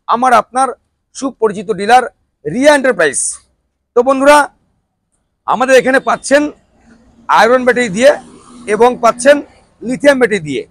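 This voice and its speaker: A man delivers a showroom sales pitch in a high voice. He sounds like a promotional announcer, emphatic and repetitive, throwing in rhetorical questions. The sound is dry, with little room echo. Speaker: showroom promoter presenting e-rickshaws.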